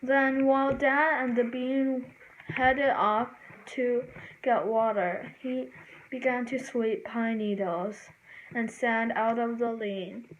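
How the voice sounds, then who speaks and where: A woman reading a children's book aloud, slowly and haltingly, sometimes stumbling over words and correcting herself. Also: fairly high pitch, steady tone, highs cut off, a little hiss or hum. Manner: slow, halting read-aloud with self-corrections. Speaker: reader.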